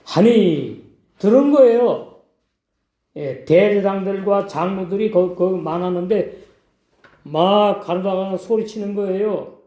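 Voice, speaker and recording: A male pastor preaches in a high, mellow voice, pressing his points with emphatic questions and short affirmations. The sound is roomy, with noticeable echo. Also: slow. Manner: emphatic, repeats "예" and questions to the congregation. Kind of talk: sermon.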